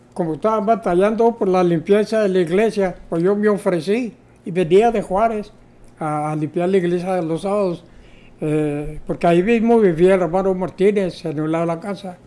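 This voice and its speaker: An older man, a former co-pastor appearing as an interview guest, tells his personal testimony in a hesitant way, repeating fillers as he goes. His voice is high-pitched and mellow, at normal speed.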